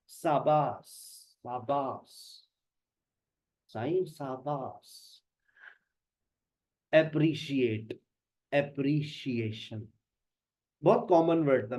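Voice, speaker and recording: A man's voice: medium pitch, warm tone. A man teaching an online spoken English class, patiently explaining pronunciation and calling on students by name. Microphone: online class call.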